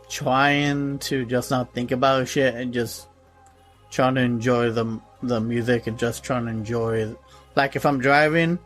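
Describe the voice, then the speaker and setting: A man with a mid-pitched voice talks easily as a podcast co-host. He is laid-back and agreeable, with faint music playing under the chat. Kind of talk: casual chat.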